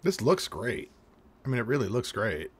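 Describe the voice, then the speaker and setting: A man's voice: medium pitch, very animated, normal speed, breathy edge. A man hosting a movie reaction, chatty and enthusiastic. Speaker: host. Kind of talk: casual reaction commentary.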